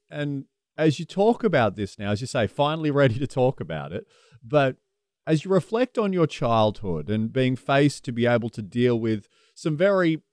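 Lively-voiced male radio host. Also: mid-range voice, no room sound, clean studio sound. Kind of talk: interview hosting.

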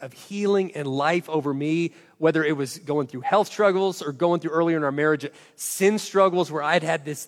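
Onstage in a large hall, a man in his forties with a high voice recounts a tale and plays out each line of dialogue in a self-deprecating, animated way. Long reverb trails his voice around the room.

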